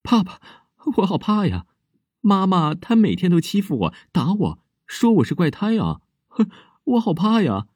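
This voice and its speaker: A high, childlike voice of an eerie little girl who sees ghosts, put on by a man, sing-song and sweetly unsettling, as if telling a grown-up a secret. It is close and dry, like a storybook horror reading. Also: huge pitch swings, moderate pace, darkish tone, breathy edge, no echo, heavily acted. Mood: frightened pleading.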